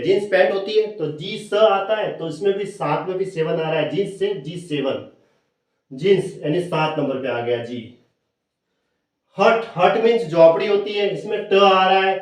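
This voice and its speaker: A man's voice: sits high, distant mic. Echoey man teaching. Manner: explains step by step with memory tricks, repeats points. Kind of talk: exam-prep lesson.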